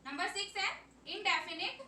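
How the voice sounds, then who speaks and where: A woman teacher with an Indian accent teaching a grammar lesson, slowly repeating and drilling word lists. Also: extremely high pitch, expressive, pushed and bright, a little hiss or hum. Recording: echoey room, mic far off.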